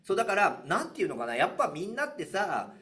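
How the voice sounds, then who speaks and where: Lively high-voiced joking male lecturer. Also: fast talker. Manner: playful, joking, laughs often. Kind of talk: live lecture to an audience.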